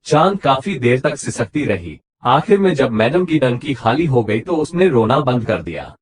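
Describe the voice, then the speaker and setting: A man's voice: mid-range voice, big pitch swings, moderate pace, slightly rough. A man narrating a romance audiobook, telling the story expressively.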